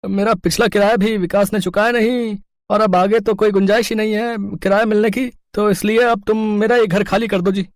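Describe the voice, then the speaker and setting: A woman's voice: mid-range voice, steady tone, brisk, no room sound, natural voice. Woman voicing a male landlord, cartoon, dry close sound, awkward, insistent. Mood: uneasy. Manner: hesitant but firm.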